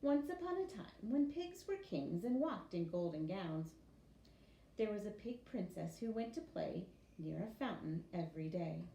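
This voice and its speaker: Using a medium-pitched voice and a measured pace, a woman teacher gives an expressive read-aloud of a picture book for young pupils, performing animated character voices. Clear background noise and echo fill the room.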